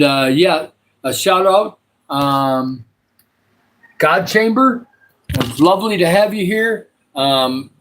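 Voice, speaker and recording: A man's voice: fairly high pitch, fairly bright tone. A man in his sixties hosting a live stream, chatting in a rambling, meandering way with viewers and praying for them. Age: 60s. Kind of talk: casual live-stream chat and prayer.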